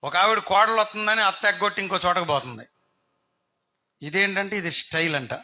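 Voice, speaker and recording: A man's voice: sits high, fairly quick, bright, forceful tone. A man preaching a sermon, putting questions to the congregation and acting out scenes. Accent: Telugu. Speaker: pastor. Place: outdoor gathering.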